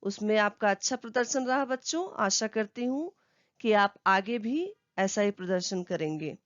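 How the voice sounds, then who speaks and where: A woman's voice: medium pitch, lively intonation, normal speed, no echo, highs cut off. A woman teacher giving a lesson to children, explaining patiently step by step.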